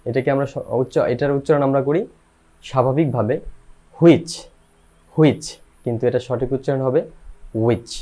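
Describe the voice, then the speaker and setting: A man's voice: medium pitch, dark tone. Man drilling pronunciation, repeating each word. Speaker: English teacher. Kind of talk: pronunciation lesson.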